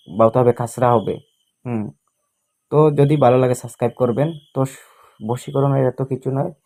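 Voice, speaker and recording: A man talks to his viewers as an occult healer in a middle-pitched, warm, rather dark voice. He delivers a casual instructional monologue in short, halting phrases. He repeats his points often and warns the audience. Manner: repetitive, admonishing, speaks in short halting phrases. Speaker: occult practitioner and spiritual healer.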